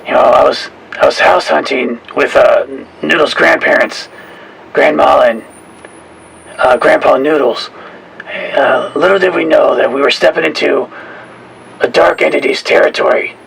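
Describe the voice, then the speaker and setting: Creaky, bright-voiced man chatting hesitantly. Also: medium pitch, low-quality recording. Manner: hesitant, halting, many pauses. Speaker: podcast co-host and caller. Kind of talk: casual chat. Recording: faint background noise.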